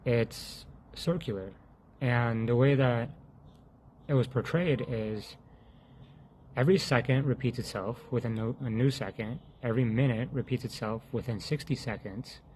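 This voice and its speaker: A man giving an earnest, halting personal testimony about faith, often restarting his sentences and sinking to a hush when he quotes his prayers. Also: medium pitch, slight background noise. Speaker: faith vlogger sharing a testimony.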